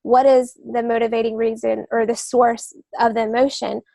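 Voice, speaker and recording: A novelist co-hosting a writing podcast explains craft points in a casual instructional discussion, earnest, wordy and conversational. Her fairly high voice is creaky and mellow, with flat delivery at a normal speed and no room sound.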